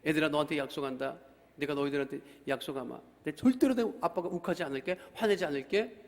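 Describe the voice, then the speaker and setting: A middle-aged male pastor preaching a revival sermon, telling a story and leading prayer, impassioned and bursting into shouts. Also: on the high side, quick pace. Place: large church hall. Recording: long reverb in a big hall.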